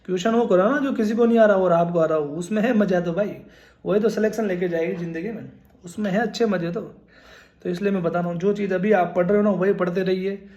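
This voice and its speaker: A man's voice: sits high, steady tone, fast, warm tone, echoey room, lo-fi sound. Earnest young man giving exam advice. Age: 20s. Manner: earnest, repetitive, addresses viewers as brother. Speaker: nursing exam mentor. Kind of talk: casual advice talk to camera.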